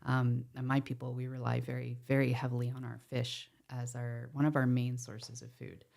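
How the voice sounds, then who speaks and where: A woman's voice: a bass voice, little pitch movement, normal speed, creaky, darkish tone. A woman from Ontario, a podcast guest talking earnestly and passionately about protecting water, with wry asides. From Ontario, Canada. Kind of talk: podcast conversation. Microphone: podcast mic.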